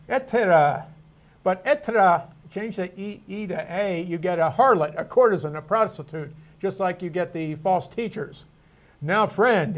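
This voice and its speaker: Casting note: man with a high-pitched voice, Bible class teacher, rambling and conversational, muses aloud with plenty of restarts. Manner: rambling, thinking aloud with frequent restarts and asides. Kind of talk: informal Bible study lecture.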